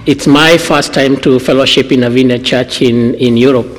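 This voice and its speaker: Kenyan pastor in a reverberant hall. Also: male voice, mid-range voice, steady tone. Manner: short phrases with pauses for translation, frequent "uh". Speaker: guest pastor. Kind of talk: church talk with interpreter. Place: church hall. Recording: long church hall reverb.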